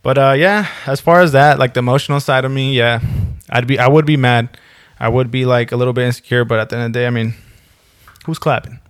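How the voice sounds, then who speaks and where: A man's voice: medium pitch, quick pace, clear, resonant tone, no room sound. A young man with a mid-range voice, recorded dry and close. He talks like a casual podcast co-host trading banter, full of slang, swearing and joking asides. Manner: slangy, profane, jokey.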